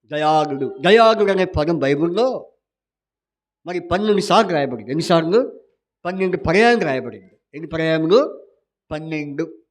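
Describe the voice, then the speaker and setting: Teasing Telugu-speaking pastor, higher voice. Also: male voice, animated, moderate pace, pauses often. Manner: quizzes and teases the congregation. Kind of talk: Sunday sermon with call-and-response. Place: church hall.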